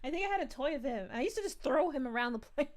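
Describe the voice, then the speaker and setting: Woman voicing a sweet young princess, high-pitched, giggly, bouncing all over, live chat stream. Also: lively intonation, fast talker. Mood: chatty. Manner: giggly, gushing, chatty.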